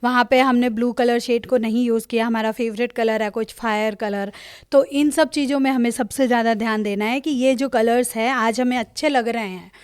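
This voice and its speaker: A woman's voice: on the high side, steady tone, moderate pace, smooth, no room sound, clean studio sound. A woman, a Vastu consultant, explaining earnestly in an interview.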